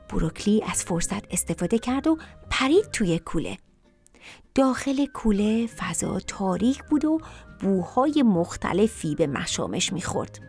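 Animated woman telling a children's story. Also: medium pitch.

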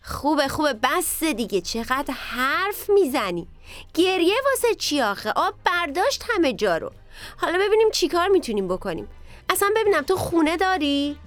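A woman's voice: sits high, expressive, a bit bright, dry recording, pitched above the performer's own voice. A woman voicing a grumpy, impatient potato creature in a children's story, bossy and exasperated.

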